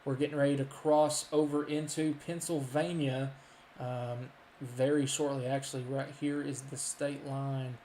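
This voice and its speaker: A man's voice: mid-range voice, level tone, mellow. Urgent male storm tracker in an echoey room. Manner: urgent, halting, thinking aloud. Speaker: severe weather live streamer. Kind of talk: live storm warning commentary. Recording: roomy echo, faint background noise.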